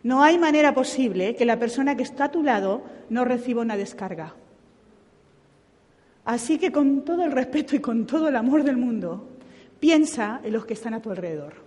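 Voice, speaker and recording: A woman delivers a sermon, animated and conversational, switching into other people's voices as she tells her stories. Her voice sits a little high, and it carries a long reverb from a large hall. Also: moderate pace. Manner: animated storytelling with impersonated voices. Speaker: preacher.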